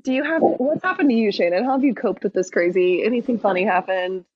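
Young mom cohost, a bit sick, laughs a lot, raspy dry sound. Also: female voice, medium pitch, fast talker, no echo, muffled recording. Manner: giggly, candid and crude. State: sick with a fever. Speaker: podcast co-host. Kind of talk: casual chat.

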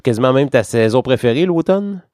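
A man's voice: mid-range voice, expressive, a little fast, darkish tone, no echo, studio quality. A man with a Québécois French accent hosting a radio show, chatting casually and joking with a guest. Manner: joking, playful, bouncy intonation.

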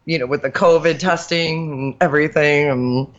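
A woman's voice: low-pitched, steady tone, normal speed, highs cut off. A woman co-hosting a radio show and a mother, chatting in a rambling way with frequent fillers. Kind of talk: casual radio banter.

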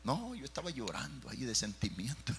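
A man's voice: mid-range voice, big pitch swings, a little fast, creaky, background noise. A man, a pastor telling a personal story in a fervent, dramatic sermon, calling his listeners brother.

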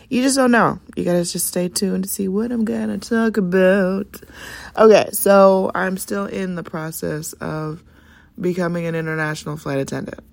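A woman hosting her own podcast, telling a personal story in a chatty, animated way. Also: creaky, dry recording. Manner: chatty and animated, jumps into high voices for quotes. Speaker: podcast host. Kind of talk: casual storytelling monologue.

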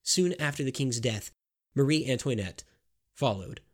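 A man narrating a scripted history story in a measured, grave storytelling manner. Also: mid-range voice, expressive.

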